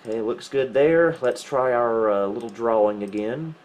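Speaking at a normal speed with a medium-pitched, slightly mellow voice, a man thinks aloud through tech troubleshooting for his retro computing video. He's casual and wry, filming indoors in a small room at home.

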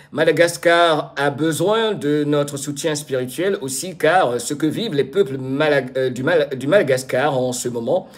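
Man, live stream host, casual chat, teasing and lively, greets viewers by name. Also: fairly high pitch. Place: home in the United States.

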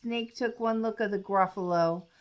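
A woman reading a children's story aloud as a storyteller, gentle and expressive. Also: mid-range voice, moderate pace.

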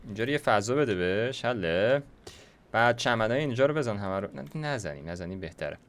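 A man's voice: lowish voice, expressive, a bit bright. Chatty young man narrating his gameplay. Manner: chatty, talks to himself while building, slangy. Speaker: gaming YouTuber. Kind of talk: casual gameplay commentary.

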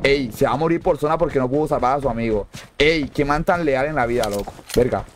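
A young man giving casual gameplay commentary in slangy, jokey talk that breaks into shrill pleading. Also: fast talker, very noisy. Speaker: gamer streamer.

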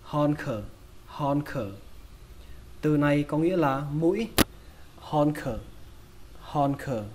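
A man with a Vietnamese accent runs a slow pronunciation lesson, splitting English words into their sounds and saying each one again and again. His voice sits a little high, with a mellow, soft tone. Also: slight background noise. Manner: repeats each word slowly, breaking it into sounds.

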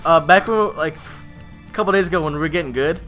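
Chatty young man with a bright voice. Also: a little high, fast talker, soft background music. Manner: rambling, chatty, full of likes and laughs. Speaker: gaming channel co-host. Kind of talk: casual gameplay commentary.

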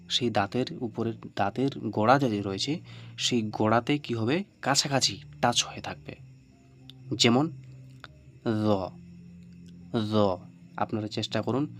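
A man giving an informal spoken lesson on Arabic pronunciation. He asks questions and answers them himself, and slowly repeats each sound for the listener. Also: fairly low pitch.

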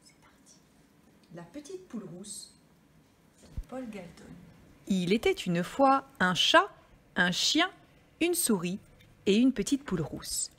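A woman, a kindergarten teacher, reading a storybook aloud to young children in a gentle, expressive way. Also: mid-range voice, slow, long pauses, slight background noise.

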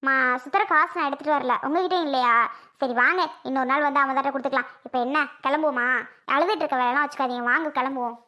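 A cold, impatient sister-in-law from a cartoon, put on by a woman. The voice is high and bright, and her talk is clipped and dismissive. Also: fast talker. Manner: curt, dismissive. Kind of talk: cartoon voice acting.

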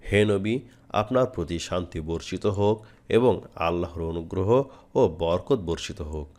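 A man's voice: low voice, darkish tone. A man from Bangladesh teaching Quran recitation step by step, explaining each phrase plainly. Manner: models phrases with long drawn-out chanting, then explains plainly.

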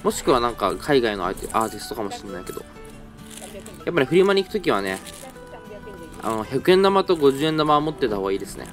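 A young man talks quickly and rambles as he narrates his browsing through a flea market, correcting himself as he goes. His pitch jumps around in a lively way. Faint music plays behind him while he speaks into a handheld camera in a parking garage. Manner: chatty, rambling, self-correcting. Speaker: toy-hunting vlogger. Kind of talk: casual narrated vlog.

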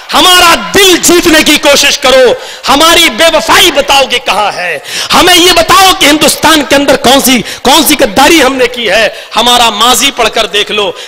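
A man, a preacher at a large gathering, giving a fervent public speech that rises to shouts. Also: extremely high pitch, big-room sound. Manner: fervent, declaiming, rising to shouts. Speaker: Islamic preacher at a conference.

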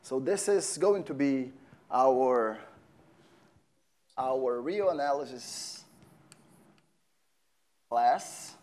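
A man in his thirties from Brazil, lecturing on a lapel mic in a large empty lecture hall, friendly and halting with fillers as he writes on the board. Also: medium pitch, animated, a little mellow. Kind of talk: university lecture.

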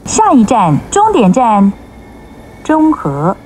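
A woman's measured station announcement comes over a train intercom, with clear enunciation. She speaks slowly, her pitch rising and falling in a lively pattern, and faint noise sits behind her. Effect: over the train's intercom loudspeaker. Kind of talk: recorded transit announcements.

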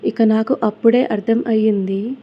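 Flat-voiced woman narrating a horror story. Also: on the high side, normal speed. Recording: dull lo-fi recording.

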